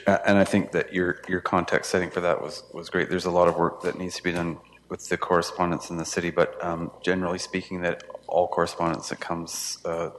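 A man on city staff presenting bylaws at a council meeting, measured and formal with some fillers. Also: low-pitched, a bit bright. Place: council chamber. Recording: long reverb, faint room noise, council chamber.

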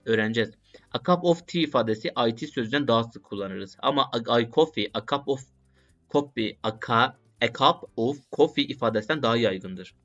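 A man works through a study session out loud, repeating short phrases and muttering to himself in a relaxed, unscripted way. His voice sits at an ordinary middle pitch. The recording is muffled and lo-fi, with soft music playing faintly underneath. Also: fairly quick. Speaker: language learner vlogger. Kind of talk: casual think-aloud study vlog. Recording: dull lo-fi sound with faint music.

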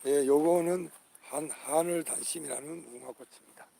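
An older man with a gravelly voice records a vlog in an outdoor park garden. He names each flower in turn, often repeating the name, and calls out to his viewers with patriotic enthusiasm. Faint crickets and insects chirp behind him. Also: fairly high pitch, normal speed, dark tone, slight background noise. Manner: hearty patriotic appeals to viewers. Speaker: channel host.

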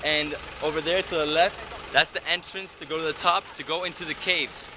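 A man's voice: fairly high pitch, fairly even intonation, normal speed, noisy background. A young man hosting a travel vlog, explaining sights enthusiastically while walking outdoors and through caves. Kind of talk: casual travel vlog narration. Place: outdoors at a temple site and inside caves.

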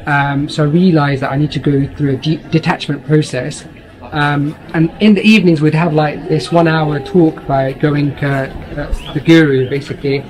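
A man's voice: fairly high pitch, fairly even intonation, normal speed, rough recording. A man, hosting a vlog and talking eagerly with fillers. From London. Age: 30s. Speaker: vlog host. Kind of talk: casual vlog talk.

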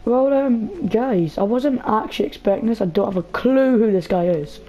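A woman's voice: fairly high pitch, expressive, moderate pace, dark tone, slight background noise. A young woman giving casual, chatty gameplay commentary, talking nervously to her viewers and to a character in the game. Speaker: gaming video host. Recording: dull lo-fi mic with faint game music.

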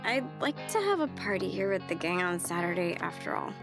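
A woman voicing a shy, gloomy teenage goth girl in a cartoon, hesitant, mumbling and deadpan. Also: lowish voice, brisk, creaky. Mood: shy, reluctant. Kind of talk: animated cartoon dub acting. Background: background music.

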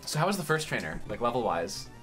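Teasing young man with bouncy pitch. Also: very animated, fairly bright tone, soft background music. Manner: teasing, quick comebacks, laughing. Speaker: streamer. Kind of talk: casual let's play banter.

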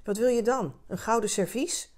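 Een vrouw die voorleest en een hooghartige, zakelijke koningin speelt. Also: female voice, on the high side, normal speed, darkish tone, pitched above the performer's own voice, lightly acted. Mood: lofty. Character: composed, condescending adult queen.

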